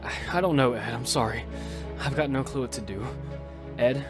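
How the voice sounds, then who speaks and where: A man playing Damian's part in an audio drama, a gruff, protective father fighting as a contestant in a battle game. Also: medium pitch, moderate pace, lightly acted. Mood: desperate, resolute. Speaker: narrator and lead actor. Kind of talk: first-person audio drama narration and dialogue. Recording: music behind the voice. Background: prominent music.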